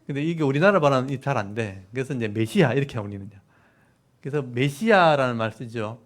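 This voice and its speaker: A male pastor giving a sermon to his congregation, at a mid-range pitch. He moves between reading scripture slowly and explaining the meaning of old words in a plain, teaching way. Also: lively intonation. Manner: expository preaching, explaining Hebrew words and reading verses aloud.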